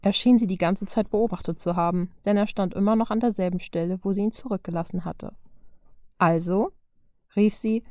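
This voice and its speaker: Woman, story reader, calm and even, low voice, mellow tone, dry close recording. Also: no room sound. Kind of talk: reading fan fiction aloud.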